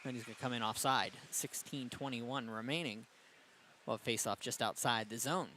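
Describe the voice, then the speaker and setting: Male play-by-play announcer, mid-pitch, brisk delivery, faint noise behind. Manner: brisk, rises in excitement on goals. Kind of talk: hockey play-by-play commentary.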